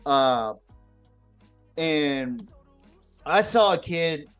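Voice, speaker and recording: Speaking extremely slowly, this sports podcast host has a slightly high, animated, fairly bright, and smooth voice. Music plays behind his casual, unscripted football talk, which is blunt, full of swearing, and marked by frequent repeated words.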